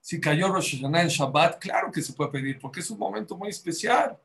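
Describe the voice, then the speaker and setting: Man preaching, fervent, emphatic peaks, fairly high voice, sermon to women. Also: animated, brisk, creaky, a bit bright.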